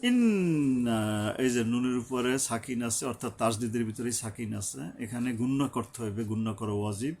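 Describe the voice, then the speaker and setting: A man teaching Quran recitation. He chants Arabic verses in long drawn-out phrases, then explains pronunciation in earnest, instructive speech. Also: mid-range voice, flat delivery, darkish tone, a little hiss or hum. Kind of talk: recitation lesson.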